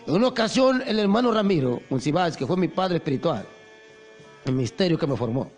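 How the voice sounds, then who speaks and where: A man's voice: a little high, expressive, brisk, darkish tone, soft background music. A man preaching a sermon, telling stories and acting out the quoted voices with passion. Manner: impassioned, storytelling with acted quotes.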